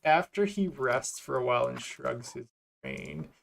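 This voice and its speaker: A man in a casual game session takes his time over each phrase, his voice rough and gravelly at the bottom. He laughs often and keeps things loose. A faint hiss of background noise sits under the recording. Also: mid-range voice, huge pitch swings, unhurried. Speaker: game master. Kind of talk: casual tabletop game narration.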